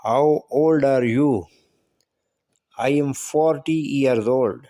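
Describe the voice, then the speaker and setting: A man reading short question-and-answer practice dialogues for English learners, saying each line twice in a deliberate way. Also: mid-range voice, mellow. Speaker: English teacher.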